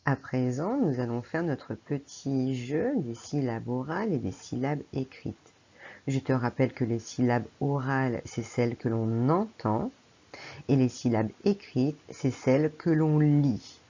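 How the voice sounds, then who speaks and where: Woman, french accent, primary teacher, very deep dark voice, husky, slow and patient, dull lo-fi voice-over. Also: expressive. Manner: patient, speaks directly to a child with "tu". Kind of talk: slow scripted phonics lesson for young children.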